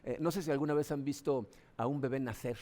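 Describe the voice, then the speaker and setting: A man's voice: fairly even intonation, quick pace, mellow. A man, a Mexican pastor, preaching a sermon in a conversational way, often tagging his sentences with a questioning "no?". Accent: Mexican Spanish. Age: adult, father of children. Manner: conversational preaching, frequent "¿no?" tags; acts out voices with sudden high pitch jumps.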